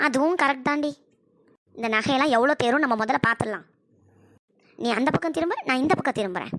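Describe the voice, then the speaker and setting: Brief: brash scheming elder daughter-in-law, voiced by a woman, high-pitched and bossy, dry close sound. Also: lively intonation, quick pace, fairly bright tone, no echo. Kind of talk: cartoon voice acting.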